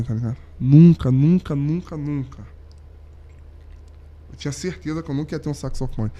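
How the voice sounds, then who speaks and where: A man's voice: a little high, mellow. Heartfelt man. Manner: slangy, heartfelt, drops to near-whisper at moving moments. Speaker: podcast guest, saxophonist. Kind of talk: emotional storytelling in casual chat.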